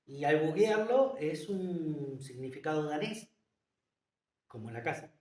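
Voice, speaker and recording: A man speaks in a slightly higher register, searching for words with fillers and restarts. He sits back from the mic in a roomy, echoing space. The talk is a relaxed interview. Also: measured pace. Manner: hesitant, many fillers and restarts. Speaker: interview guest. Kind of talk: casual conversational interview. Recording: echoey room, distant mic.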